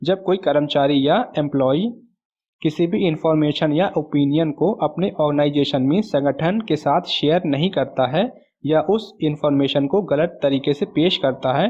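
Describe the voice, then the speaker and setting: A male exam tutor working through answers. He asks a question and answers it himself, mixes in English terms, and reads the English question text slowly. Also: fairly high pitch, a little mellow. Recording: dull lo-fi audio.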